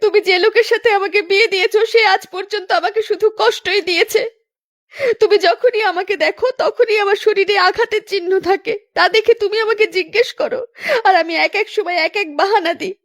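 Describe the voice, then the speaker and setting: A woman performs a long-suffering young woman in a cartoon melodrama, using an extremely high, girlish voice that stays steady, brisk and fairly bright. She sounds pained and reproachful, pleading earnestly like someone betrayed in love.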